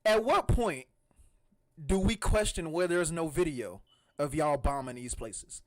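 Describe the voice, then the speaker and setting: Animated man in casual podcast talk. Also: a little high, a little slow. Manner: animated, emphatic, mocking impressions. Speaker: podcast co-host. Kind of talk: casual chat.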